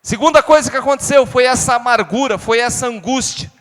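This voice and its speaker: A male pastor from Brazil with a São Paulo accent, preaching to his congregation, rising to loud calls and dropping to hushed lines. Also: very high-pitched, brisk, big-room sound. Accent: Brazilian Portuguese, São Paulo state. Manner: addresses the congregation directly and asks them to repeat. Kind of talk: sermon. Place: church sanctuary.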